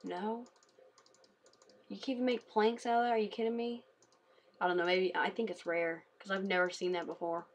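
A tired woman giving casual, chatty commentary on a game she is playing, talking quietly and swearing freely. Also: medium pitch, steady tone, moderate pace, long pauses. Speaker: let's play gamer.

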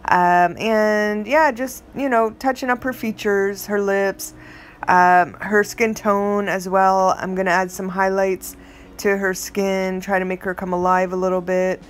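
A woman's voice: medium pitch, steady tone, unhurried. A middle-aged woman giving a casual, rambling voice-over of her art process, chatty and self-admittedly dramatic. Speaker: art vlogger.

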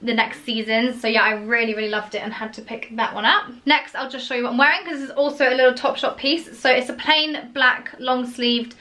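A young woman talks through a clothing haul in a casual, gushing way, stringing thoughts together with lots of "like". Her voice is bright and a touch higher than average. She sounds like a vlogger chatting at home. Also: fairly even intonation, a little fast, hardly any pauses. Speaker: fashion vlogger.

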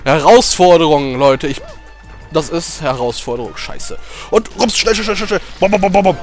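A young man with a high voice commentating a video game. He talks fast and jokes constantly, rambling from one silly thought to the next. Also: lively intonation, music in the background. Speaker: let's play commentator. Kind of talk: casual gaming commentary.

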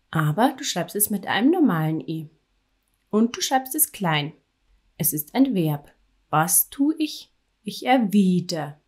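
A woman teacher giving a spelling dictation to children, articulating each word clearly and adding encouraging praise. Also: lowish voice.

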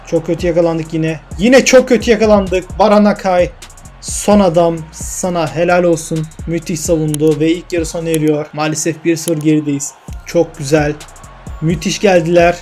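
High-voiced young man calling his game. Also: normal speed, soft background music. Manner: emotional, swings from calm commentary to yelling at goals and cursing misses. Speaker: gaming YouTuber. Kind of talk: excited play-by-play of his own football video game. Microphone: desk mic.

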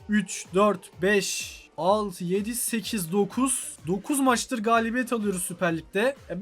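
A young Turkish man calls the action of a football video game in his own channel's let's-play. His voice sits high for a man, and he swings between quick match calls and exasperated outbursts at the game. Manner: excitable, frustrated outbursts at the game. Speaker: gaming YouTuber.

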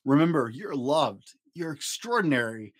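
A man in his forties giving an expressive, rhyming storybook narration for children. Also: a little high, normal speed. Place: small home room, indoors.

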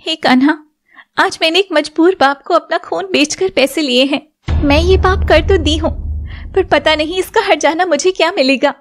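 A woman voicing a long-suffering young wife in an animated serial, soft-spoken and pleading. Her voice sits very high. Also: moderate pace, slight background noise, natural voice. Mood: guilt-ridden.

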